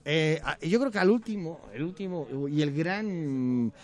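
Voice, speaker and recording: Halting high-voiced Mexican man. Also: expressive. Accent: Mexican Spanish. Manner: halting, many restarts and repeated words. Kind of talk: casual panel discussion.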